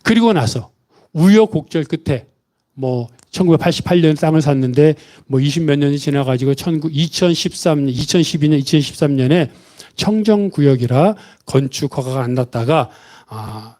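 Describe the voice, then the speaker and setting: A man's voice: on the high side, expressive, normal speed, dark tone. A male pastor preaching a Sunday sermon, telling a story and acting out the voices of the people in it.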